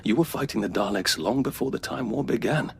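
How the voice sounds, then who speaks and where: A man with a medium-pitched, gravelly, husky voice plays an earnest, zealous alien peace negotiator in an audio drama, speaking fairly quickly. His impassioned, persuasive oratory sounds fervent and proud.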